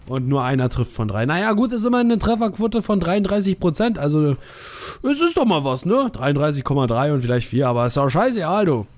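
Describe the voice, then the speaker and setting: Young male let's player, lively up-and-down delivery, slightly high voice, playful teasing banter. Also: fairly quick. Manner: joking, teasing opponents, sing-song repeats. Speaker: gaming streamer. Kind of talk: casual let's play commentary.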